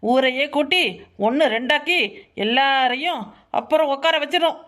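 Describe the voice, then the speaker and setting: A woman's voice: high voice, normal speed, a bit bright. A woman voicing a gossipy, cutting young village wife in a cartoon. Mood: conspiring. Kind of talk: cartoon voice acting.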